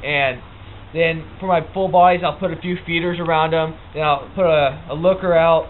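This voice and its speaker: A man giving a casual, unscripted how-to explanation in a halting, informal, plain-spoken way. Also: fairly high pitch, steady tone. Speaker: hunting instructor. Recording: muffled phone-like lo-fi audio, background noise.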